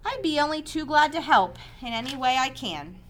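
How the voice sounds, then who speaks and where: A woman's voice: high-pitched, animated, moderate pace, fairly bright tone, a little hiss or hum, voice pushed up. A woman voicing an innocent young male pig in a storybook, earnest, childlike and eager, with an anxious, affectionate temper.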